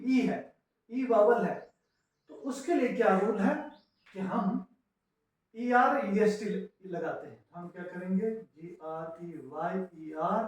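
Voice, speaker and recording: Slow, high-voiced man teaching grammar. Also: a little mellow. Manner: explains slowly, spelling words out letter by letter; mixes English terms into his explanations. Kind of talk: classroom lecture. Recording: echoey room, mic far off.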